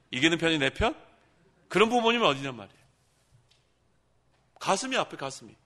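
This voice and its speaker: A man's voice: on the high side, fairly bright tone. A middle-aged male pastor giving a conversational sermon in a church sanctuary. He keeps asking the congregation questions and then answering them himself.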